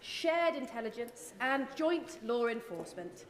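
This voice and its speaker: A woman's voice: on the high side, very animated, a little slow. A woman, a member of parliament, putting a formal prepared question in a debating chamber. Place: large indoor parliamentary chamber. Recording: echoey hall, loud crowd noise. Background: loud crowd of members.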